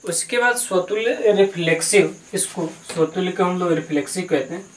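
A man's voice: high voice, fairly quick. A man teaching a math lesson in a patient, explanatory way, calling his students "beta" and mixing English terms into his talk. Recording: echoey room.

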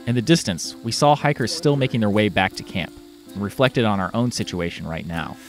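A man narrates a travel vlog in a calm, matter-of-fact way, reading from a script. His voice is low, and faint music sits behind it. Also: brisk.

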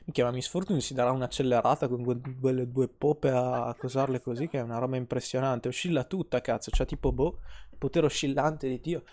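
A man's voice: mid-range voice, fairly even intonation, a little fast, darkish tone. A man, streaming gameplay and ranting at his chat, swearing freely and teasing. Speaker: game streamer. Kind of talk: casual live-stream gameplay commentary.

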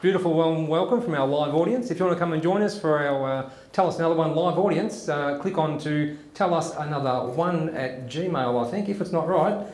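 Man, comedy host, rambling casual joke telling, lots of uh, slightly high voice, echoey room. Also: brisk, few pauses, darkish tone. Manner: chatty, rambling, many fillers.

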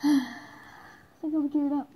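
A woman vlogger speaking through a gas mask, rambling excitedly with lots of fillers as she shows off her gear. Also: high voice, slow pace, rough recording. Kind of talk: casual show-and-tell.

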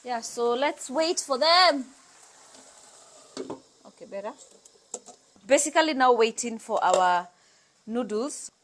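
In her bright kitchen at home, a cooking show host in her thirties with a Kenyan accent chats with viewers during a casual demo, blending English and Swahili phrases. She speaks slowly with frequent pauses, in a high, slightly bright voice with lively intonation, over a faint hiss or hum.

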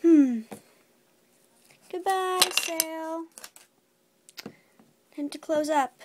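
A woman's voice: extremely high pitch, drawn-out words, very noisy. A woman making a toy play-acting video, chatty and muttering to herself as she voices a pony shopkeeper.

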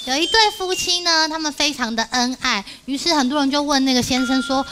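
A woman tells a joke in a high, bright register, putting on the husband's anger when he shouts at his wife. Music plays clearly behind her on the studio track. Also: a little fast. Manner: animated storyteller, acting out the husband's anger. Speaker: comedy show contestant. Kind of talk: telling a joke on a TV variety show.

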